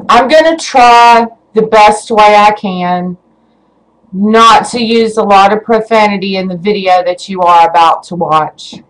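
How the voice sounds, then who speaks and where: A woman's voice: medium pitch, poor audio. Stammering woman ranting on webcam. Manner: stammering, building to shouting anger. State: shaking with rage. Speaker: vlogger. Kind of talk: emotional webcam rant.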